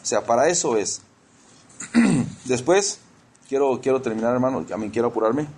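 A man's voice: mid-range voice, moderate pace, a little mellow, slightly rough. A man preaching a conversational sermon in church, often repeating words as he searches for the next one.

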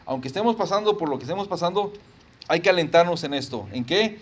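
Man, pastor, emphatic, animated preaching, higher-pitched. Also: fast talker, husky, lo-fi sound. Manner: animated, emphatic, acts out voices and sounds. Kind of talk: sermon and prayer.

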